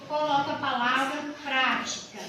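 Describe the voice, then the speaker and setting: A woman teacher giving a grammar lesson, explaining step by step with rhetorical questions and drawing out example words slowly. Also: high voice, steady tone. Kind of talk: grammar lesson for exam students. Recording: echoey room with mic far off and noise.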